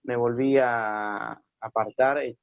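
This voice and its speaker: Chilean-born male pastor, halting testimony, middle pitch, dull lo-fi sound. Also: steady tone, creaky. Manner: hesitant, many fillers and restarts. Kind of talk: radio interview, personal testimony.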